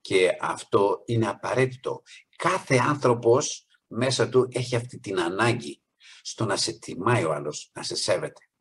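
A man's voice: fairly low pitch, animated, husky. A man preaching a sermon, earnest, rising on key points and acting out the people in his stories.

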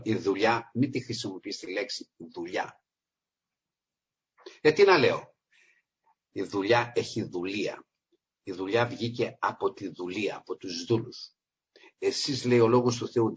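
A man preaching an informal sermon to his congregation, emphatic, jumping from loud stressed phrases to low asides. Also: husky. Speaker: lay preacher. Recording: dull lo-fi recording.

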